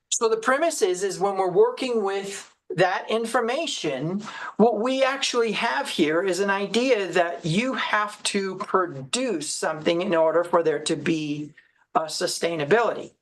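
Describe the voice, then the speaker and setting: Slow, deliberate woman teaching a sermon. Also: medium pitch, poor audio. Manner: deliberate, repeats key phrases, checks in with "okay?" and "right?". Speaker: teacher at a ministry service. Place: church service.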